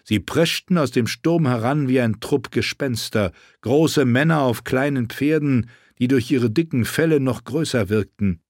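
A man's voice: medium pitch, measured pace, hardly any pauses, darkish tone, no echo. Male audiobook narrator, dry close sound. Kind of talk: scripted narration.

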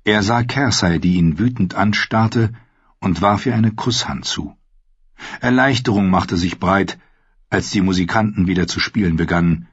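Husky low-voiced male audiobook narrator. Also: dry recording, dull audio. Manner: expressive, measured. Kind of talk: scripted fantasy narration.

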